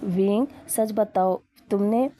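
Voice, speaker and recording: A woman voicing a calm young male friend who asks questions. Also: mid-range voice, slow pace, a little hiss or hum, close to an everyday voice. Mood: doubtful.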